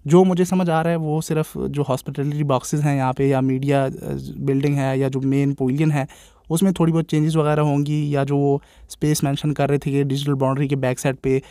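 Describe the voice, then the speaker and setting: Fast-talking, opinionated Pakistani Urdu man. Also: fairly high pitch, mellow, dry recording, clean studio sound. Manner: opinionated, exasperated, addresses viewers as brother. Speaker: cricket vlogger. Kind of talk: casual commentary to viewers.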